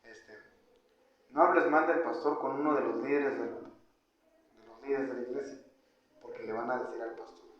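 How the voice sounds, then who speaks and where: A man preaching a conversational sermon, calling his listeners brothers and swinging from loud to quiet. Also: mid-range voice, fairly even intonation, moderate pace, pauses often. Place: church hall. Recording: echoey church, dull lo-fi sound.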